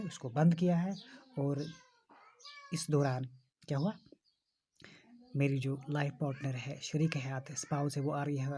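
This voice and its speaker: A man's voice: a little high, warm tone, a little hiss or hum. A man teacher, explaining a textbook story to pupils and restating each phrase with synonyms. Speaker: school English teacher.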